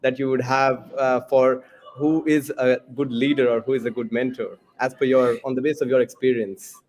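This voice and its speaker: A man's voice: medium pitch, level tone, moderate pace, a little mellow. A man hosting a podcast interview, leading in with long, meandering introductions. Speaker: podcast host.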